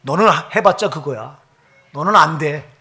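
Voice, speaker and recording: A man's voice: a little high, animated, moderate pace, pushed and bright. A male pastor voicing a mocking, belittling devil in a sermon retelling. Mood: taunting. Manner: sneering, belittling.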